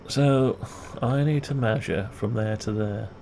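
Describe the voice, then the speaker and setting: Thinking aloud in an unscripted CAD design demo, a male video creator mutters and second-guesses himself. He speaks a little slowly in a gravelly, mid-range voice, over steady background noise and the sound of typing on a keyboard.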